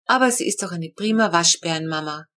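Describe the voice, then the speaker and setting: A woman voicing a calm, caring mother in a storybook reading, speaking evenly and matter-of-factly. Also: lowish voice, brisk.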